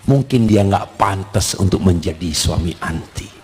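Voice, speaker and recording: A man preaching in a lively question-and-answer sermon, animated and humorous, acting out household scenes. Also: low voice, a little slow, breathy edge.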